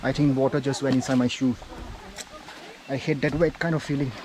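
A man's voice: mid-range voice, steady tone, a little fast. A man talking casually to his camera while hiking outdoors on a mountain trail, out of breath from the climb. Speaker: travel vlogger. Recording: noisy outdoor camera audio.

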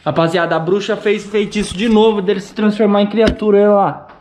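A man's voice: sits high, steady tone, a little fast, a little mellow, slight background noise. A man with a Brazilian Portuguese accent, filming an acted horror vlog and talking anxiously to his viewers while calling out for a missing friend. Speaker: YouTuber. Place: outdoors at a country house at night.

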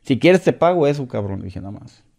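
A man's voice: medium pitch, very animated, quick pace, gravelly, darkish tone. A middle-aged man from Mexico with a Mexican accent, a podcast guest telling a story in casual, profane slang and acting out the other voices.

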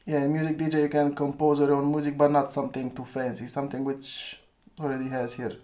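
A chatty man whose first language is Romanian gives a casual hands-on review of an old phone, thinking aloud and laughing at his own slips. His medium-pitched, mellow voice has little pitch movement and he talks fast.

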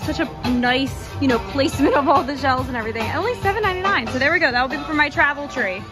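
Talking fast in a high, animated voice over background music, a young vlogger chats bubbly and gushing through her casual travel video. She holds the phone camera herself, wandering outdoors and into shops around a beach town before ending up in a car, raving about the shops and places.

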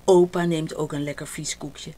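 A woman reading a children's picture book aloud, with slow, gentle, expressive narration. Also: deep voice. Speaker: storybook reader.

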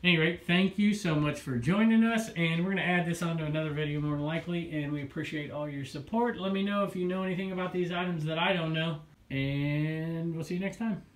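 Talking fairly quickly with hardly any pauses, this man in his forties has a voice on the high side and fairly even intonation. He shows off his resale finds in a casual haul vlog, filmed at arm's length in a small cluttered room at home. He comes across as chatty, upbeat and rambling, often correcting himself.

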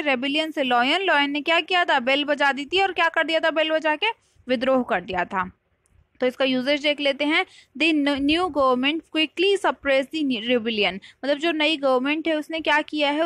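Bright high-voiced woman teacher. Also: dry recording, studio quality. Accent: Indian English. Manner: repeats key words and asks the viewer quick checking questions. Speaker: vocabulary teacher. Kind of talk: explanatory online lesson.

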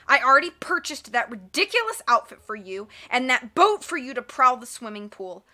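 Doing an audiobook character, a woman plays a greedy, blustering middle-aged villain who snarls, growling, sneering, and roaring at all around him. Her exaggerated delivery is high, sing-song, pushed, and bright at a moderate pace, over soft background music.

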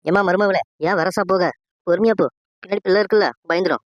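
Guy doing a bossy old wife, high and rapid, scolding and gossipy, dry dull lo-fi sound. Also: fairly even intonation, dry recording, natural voice. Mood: scornful. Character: scheming older village wife, sharp-tongued. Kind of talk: cartoon voice acting.

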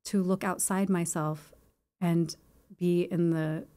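Low, mellow-voiced woman guest. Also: fairly even intonation, slow. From born in Japan. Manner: reflective, rambling with many fillers. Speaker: podcast guest. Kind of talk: casual interview chat. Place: podcast studio. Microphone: boom mic on arm.

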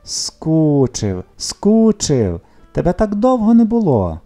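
A man voicing an eager young schoolboy who talks in quick, excited exclamations. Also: medium pitch. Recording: soft music behind the reading.

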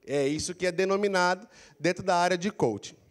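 Lively high-voiced Brazilian coaching lecturer. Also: male voice, fairly quick. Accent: Brazilian Portuguese. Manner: animated, prompts audience to repeat phrases. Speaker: career coaching speaker. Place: large council auditorium. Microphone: handheld mic, walking the floor.

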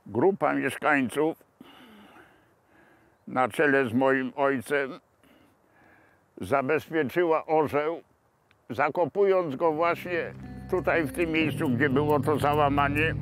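A man in his seventies from Poland, recounting local history to camera outdoors in a park in a measured, pausing manner. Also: fairly high pitch. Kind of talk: unscripted reminiscence to camera.

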